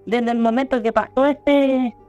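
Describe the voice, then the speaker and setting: A woman with a Chilean accent recounting a personal experience in a rambling, halting way, often repeating and restarting her words. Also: fairly high pitch, fairly even intonation, mellow. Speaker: storyteller guest. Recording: muffled lo-fi audio with faint music.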